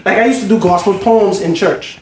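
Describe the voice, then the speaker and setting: A man's voice: high-pitched, a little fast, a crowd in the background. A man chatting casually and slangily about personal experience, often checking that the listener follows. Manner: slangy, peppered with "bro" and check-in phrases. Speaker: podcast speaker, music entertainer. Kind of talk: casual faith discussion with personal stories. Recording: roomy echo, faint background noise.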